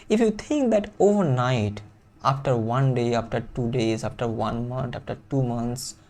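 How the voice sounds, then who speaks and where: Mellow and medium-pitched, a man whose native language is Bengali, and whose accent shows it, delivers an earnest monologue coaching viewers on English fluency, hammering key phrases through repetition.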